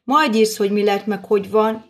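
A middle-aged woman chatting on a live stream while cooking in her daughter's kitchen, answering and thanking viewers as she works. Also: medium pitch. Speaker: livestream host. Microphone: phone camera.

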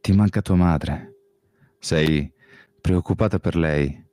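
A man reading an audiobook voicing an intense, brooding young male vampire in a soft, earnest, pleading way. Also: low voice, slow, no room sound. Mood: gentle.

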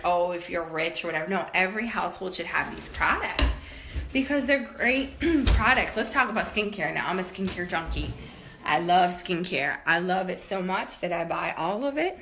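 A woman in her thirties with a lowish, fairly bright voice gives a chatty, rambling, enthusiastic tour of her products, full of fillers. She's a bit out of breath as she moves through her home bathroom and closet, recording on a phone held at arm's length, with a little hiss or hum in the audio.

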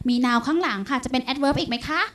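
A woman giving a classroom grammar lecture, explaining patiently, quizzing her students and adding soft polite particles. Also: sits high, fairly quick.

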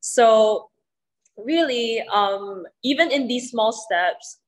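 A young woman speaking on a press panel, clear and informative, with frequent "you know" fillers. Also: fairly high pitch, slow pace, low-quality recording. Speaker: singer at press conference. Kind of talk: press conference answer. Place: indoor press event, panel at a table. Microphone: handheld mic.

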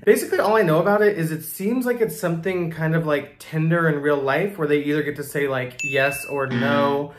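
A young man hosting a casual reaction video, chatty and amused, quick to laugh. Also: a little high, reverberant. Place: small home studio with plants.

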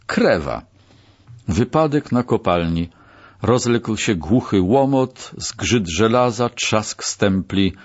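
A man reads a literary audiobook in a low voice with lively, varied intonation. His delivery is measured and expressive. The recording sounds dull and lo-fi. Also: husky. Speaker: audiobook narrator.

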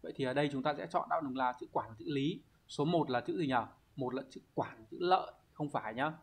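A man's voice: mid-range voice, a little fast, slightly rough. Patient man teaching Japanese vocabulary. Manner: patient, explanatory, frequent check-in questions. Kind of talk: explaining exam answers.

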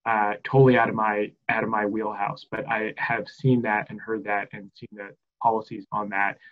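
A man's voice: lowish voice, little pitch movement, normal speed. A man speaking as a panelist on a video call from a small room, hesitant and often repeating words. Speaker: health tech expert panelist. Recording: dull lo-fi audio.

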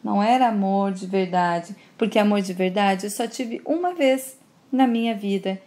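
A woman's voice: medium pitch, normal speed, dark tone, natural voice. A woman reading the lines of a young woman confiding about her past, in a wistful tone. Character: young woman opening up about a lost boyfriend.

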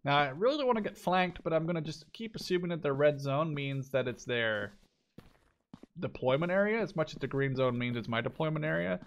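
Over video game gunfire and clicking, a man with a fairly high, expressive voice talks briskly while hosting a gaming video. He comments casually on the play, thinks out loud, and swears mildly.

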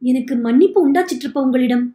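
A woman's voice: high-pitched, a little fast, warm tone, close to an everyday voice. Woman voicing Rangan, a weeping remorseful young man. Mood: pleading. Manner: tearful pleading. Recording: echoey room.

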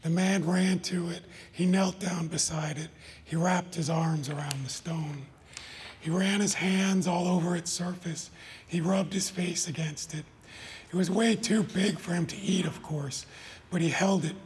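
A man reading his short stories aloud at a live event, in an even, deliberate storytelling manner. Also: a little high. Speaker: author. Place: live reading before an audience.

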